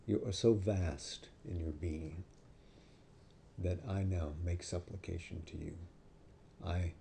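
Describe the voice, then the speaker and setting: A man's voice: lowish voice, mellow, slight background noise. A man voicing a stern old guru. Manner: scolding, then humbly reverent. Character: stern aging male guru, quick to anger.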